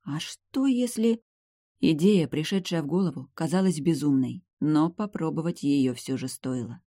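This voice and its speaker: A reader giving measured, scripted first-person narration of an audiobook. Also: medium pitch, warm tone, no room sound, clean studio sound.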